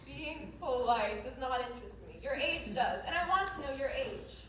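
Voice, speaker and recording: Brief: woman as a stern, impatient director; high voice, distant echoey stage sound. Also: lively intonation, normal speed, fairly bright tone. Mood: commanding. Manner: curt and commanding. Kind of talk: live stage musical acting. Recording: distant echoey stage recording with hall noise.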